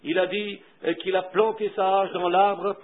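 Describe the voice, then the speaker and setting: A high-pitched man preaches a sermon, moving from quiet storytelling to fervent, loud appeals. The old recording is thin and tinny, as if heard over a phone line. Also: level tone, a little slow, a little hiss or hum. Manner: fervent, swings from hushed to loud.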